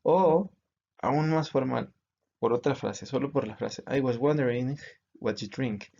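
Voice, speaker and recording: A man's voice: mid-range voice, a little slow, creaky, warm tone, muffled recording. A man teaching English grammar to students, patiently explaining in Spanish with English examples.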